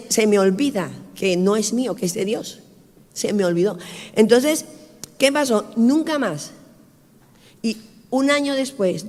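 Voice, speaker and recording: A middle-aged woman pastor preaching a sermon, telling a personal story in a lively way and acting out the dialogue. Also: mid-range voice. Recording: long reverb of a church hall.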